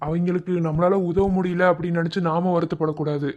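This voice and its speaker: A man's voice: fairly high pitch, fast talker, lo-fi sound, a little hiss or hum, natural voice. An actor playing a kind young village man, speaking reassuringly in Madurai Tamil in a cartoon. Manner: reassuring, steady. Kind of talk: cartoon voice acting.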